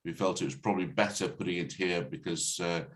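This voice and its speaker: Man, low-pitched voice, planning officer, formal meeting report, hesitant, many false starts, video call. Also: fairly even intonation, a little fast. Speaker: planning officer presenting to committee.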